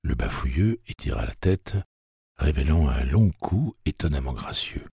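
A man reading an audiobook story in a measured, steady way. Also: a bass voice, vocal fry, husky, no echo, studio quality. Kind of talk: audiobook narration.

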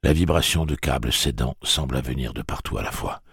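A man's voice: rumbling low, a little fast, gravelly, fairly bright tone, breathy edge, no room sound, studio quality. A man reading a novel aloud as an audiobook narrator.

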